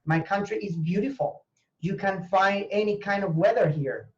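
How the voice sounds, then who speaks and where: A man from Venezuela, a language teacher talking earnestly as a guest, often pausing and restarting. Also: sits high, dull audio. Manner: earnest, hesitant with many fillers and restarts. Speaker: language teacher, university professor. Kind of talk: conversational interview.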